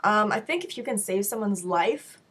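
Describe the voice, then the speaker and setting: A young woman vlogger answers viewer questions in a casual chat to camera, her mid-range voice animated, fairly bright and a little rough from being sick. She keeps a moderate pace and stays frank, tossing in playful asides.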